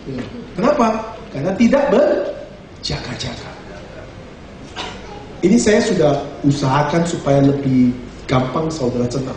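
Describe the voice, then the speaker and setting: A male pastor giving a lively, joking sermon full of rhetorical questions. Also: medium pitch, unhurried, long pauses, very echoey, distant mic, slight background noise. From Indonesia.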